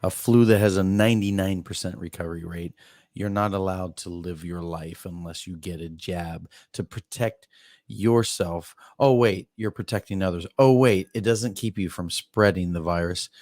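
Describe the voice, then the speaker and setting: A man's voice: sits low, normal speed, a little mellow, no room sound, clean studio sound. A man hosting a late-night call-in show, making scornful, sarcastic remarks over a news clip. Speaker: radio show host.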